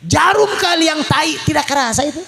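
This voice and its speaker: A man with a Sundanese accent delivers a comic sermon, acting out the people in his story. His voice sits high and leaps around a great deal. He mixes loud, shouted lines with quiet asides. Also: animated, fairly quick, creaky. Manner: switches between Sundanese and Indonesian. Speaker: preacher.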